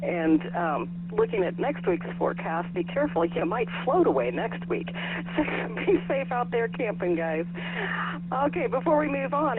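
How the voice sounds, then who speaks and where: A woman hosting an amateur radio net as net control, chatting informally over a two-way radio. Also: on the high side. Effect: two-way radio transmission. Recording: tinny narrow radio link with faint hum.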